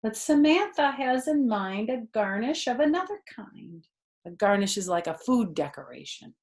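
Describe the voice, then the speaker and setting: Indoors in her living room, a woman in her fifties reads a story to her grandchildren at a moderate pace. Her voice sits fairly high, and she stays expressive throughout, breaking in with simple explanations of words and questions for the kids.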